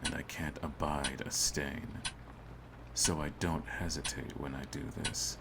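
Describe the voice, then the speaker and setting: In a scripted ASMR audio roleplay, a man plays a cold, smug hitman holding his target at gunpoint. His extremely deep, gravelly, creaky voice is exaggerated, delivered slowly and theatrically at a level tone, full of composed menace. Clear noise runs behind the recording.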